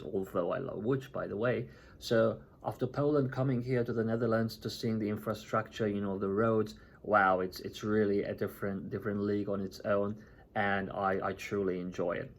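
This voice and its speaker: A man from Turkey talking casually to the camera as a vlogger, chatty and often checking in with "right?" and "you know". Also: lowish voice.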